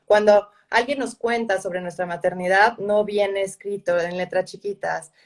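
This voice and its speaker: A woman psychologist and coach, a guest on a casual podcast, explaining calmly. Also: medium pitch, normal speed, recorded from a distance.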